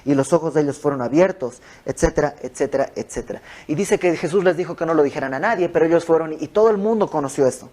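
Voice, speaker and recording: A man's voice: a little high, quick pace, hardly any pauses, a little mellow. A man teaching an informal Bible study in a home, explaining verse by verse with conversational asides. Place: a private home.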